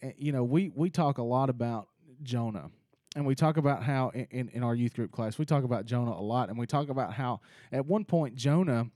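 Guy hosting a chat about scripture, warm low-key tone, keeps restarting his sentences, dry close sound. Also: fairly quick, dry recording. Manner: earnest, thinks aloud with many restarts. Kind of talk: casual faith discussion.

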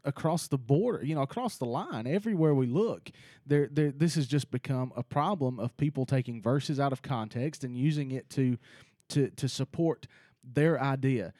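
A man's voice: mid-range voice, normal speed, dark tone, no room sound, clean studio sound. A man hosting a casual faith discussion, earnest and thinking aloud with many restarts.

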